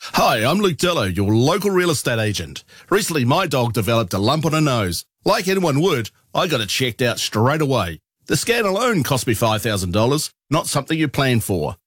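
A man's voice: medium pitch, big pitch swings, moderate pace, fairly bright tone, husky, no echo, studio quality. A man, a real estate agent, speaking in a personal, earnest testimonial radio advert.

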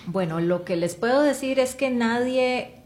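A woman being interviewed as a guest on a radio program, answering in a conversational way with quick bursts. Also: on the high side, expressive, a little mellow.

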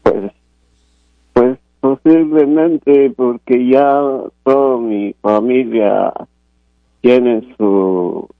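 A man from Guatemala calling in, asking a question in a halting, hesitant way over the phone. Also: medium pitch, steady tone, no room sound. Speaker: caller. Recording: tinny phone line.

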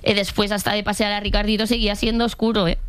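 A woman co-hosting a comedy radio show, chatting in a deadpan, self-mocking way. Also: medium pitch, fast talker, crowd noise. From Barcelona area.

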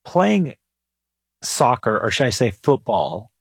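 A man raised in England, a financial advisor answering interview questions in a relaxed, thoughtful way. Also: mid-range voice, slow pace, creaky, breathy edge, no room sound.

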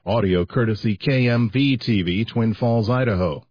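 A man reading the news in a measured, even anchor delivery, heard as a broadcast taped off the radio. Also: on the low side, husky, no echo. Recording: dull radio broadcast with faint music.

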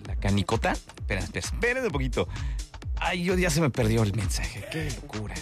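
A man's voice: mid-range voice, sing-song, brisk, music in the background. A man hosting a radio call-in show, chatting playfully with listeners in a sing-song, joking way. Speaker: radio host taking listener calls. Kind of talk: lively radio call-in chat.

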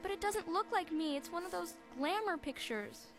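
A woman's voice: very high voice, animated, moderate pace, over music. An actress playing an insecure, flustered and earnest young girl in a family radio drama. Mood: dismayed. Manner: nervous, pleading.

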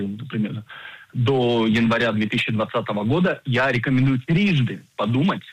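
Insurance agent guest, man in his forties, husky voice, dry close sound, measured explainer who hesitates often. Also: medium pitch, no echo, low-quality recording. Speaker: insurance agent and financial planner. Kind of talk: radio interview, explaining insurance.

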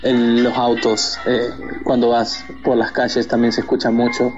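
A man's voice: medium pitch, completely flat delivery, moderate pace. Man, Argentine accent, interview guest, hesitant, many fillers, muffled sound, faint background music. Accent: Argentine Spanish. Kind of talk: casual interview talk.

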